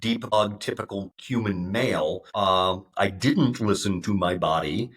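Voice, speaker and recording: A man in his fifties, a podcast guest telling his story in a halting way, with many restarts and repeated words. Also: on the low side, fairly bright tone. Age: 50s. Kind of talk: casual interview.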